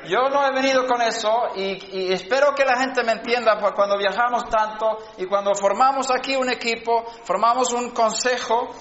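A man preaching with a high, bright-pitched voice, teaching patiently and often restarting his sentences before pressing into fervent calls. His sermon sounds roomy and reverberant, and the lo-fi recording dulls it. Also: fairly even intonation, moderate pace, hardly any pauses. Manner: teaching and explaining words, with frequent restarts, building to fervent exhortation.

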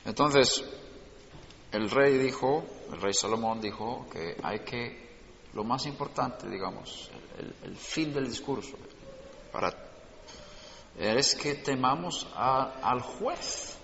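A man's voice: mid-range voice, slow pace, creaky, a bit bright, a little hiss or hum. A man teaching a religious class, explaining and putting rhetorical questions to his students. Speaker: Torah teacher. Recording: dull lo-fi recording in an echoey hall.

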